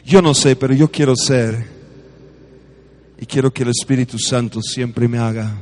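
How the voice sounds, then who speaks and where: A man preaching a charismatic sermon, swinging from shouted declarations to quiet storytelling and having the congregation repeat after him. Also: mid-range voice, steady tone, moderate pace. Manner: calls on the congregation to repeat phrases.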